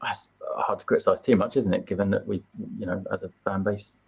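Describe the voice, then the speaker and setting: An English man appearing as a guest on a fan podcast, speaking in a measured, hesitant way with many fillers. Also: lowish voice, flat delivery, creaky, husky, rough recording. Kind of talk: casual fan podcast chat.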